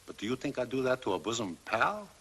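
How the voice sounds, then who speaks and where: An actor playing a sly, wheedling racketeer in an old crime drama, with mock-hurt slangy talk. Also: male voice, medium pitch, big pitch swings, fast, a bit bright, slightly rough, exaggerated voice.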